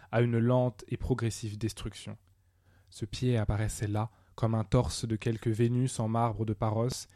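Un homme qui lit un récit littéraire, de façon posée et expressive. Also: male voice, mid-range voice, no room sound, studio quality. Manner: expressive, measured reading. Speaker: narrator. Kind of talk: audiobook narration of a classic tale.

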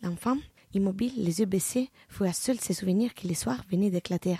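A woman reads a novel aloud in a calm, measured way. Her voice is mellow and a little husky, recorded close and dry. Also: medium pitch, no echo. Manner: measured, even literary reading. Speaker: narrator. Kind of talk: audiobook narration of a novel.

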